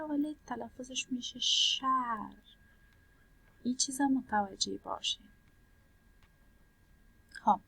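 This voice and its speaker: A woman's voice: fairly high pitch, vocal fry, husky, no room sound, poor audio. A woman teaching a language lesson, patiently explaining a worksheet, repeating points and translating words one by one.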